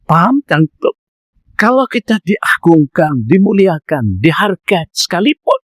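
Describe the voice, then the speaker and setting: A man's voice: sits high, measured pace, no echo, clean studio sound. A man with a Malaysian Malay accent giving a mosque lecture, telling stories animatedly and acting out the voices. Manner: animated storytelling, acts out voices. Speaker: preacher.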